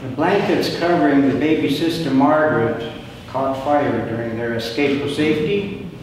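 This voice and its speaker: An older man giving a prepared talk of family history to an audience, in a plain, measured storytelling way with pauses. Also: medium pitch, darkish tone. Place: large echoing indoor hall. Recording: very echoey hall, distant mic, background noise.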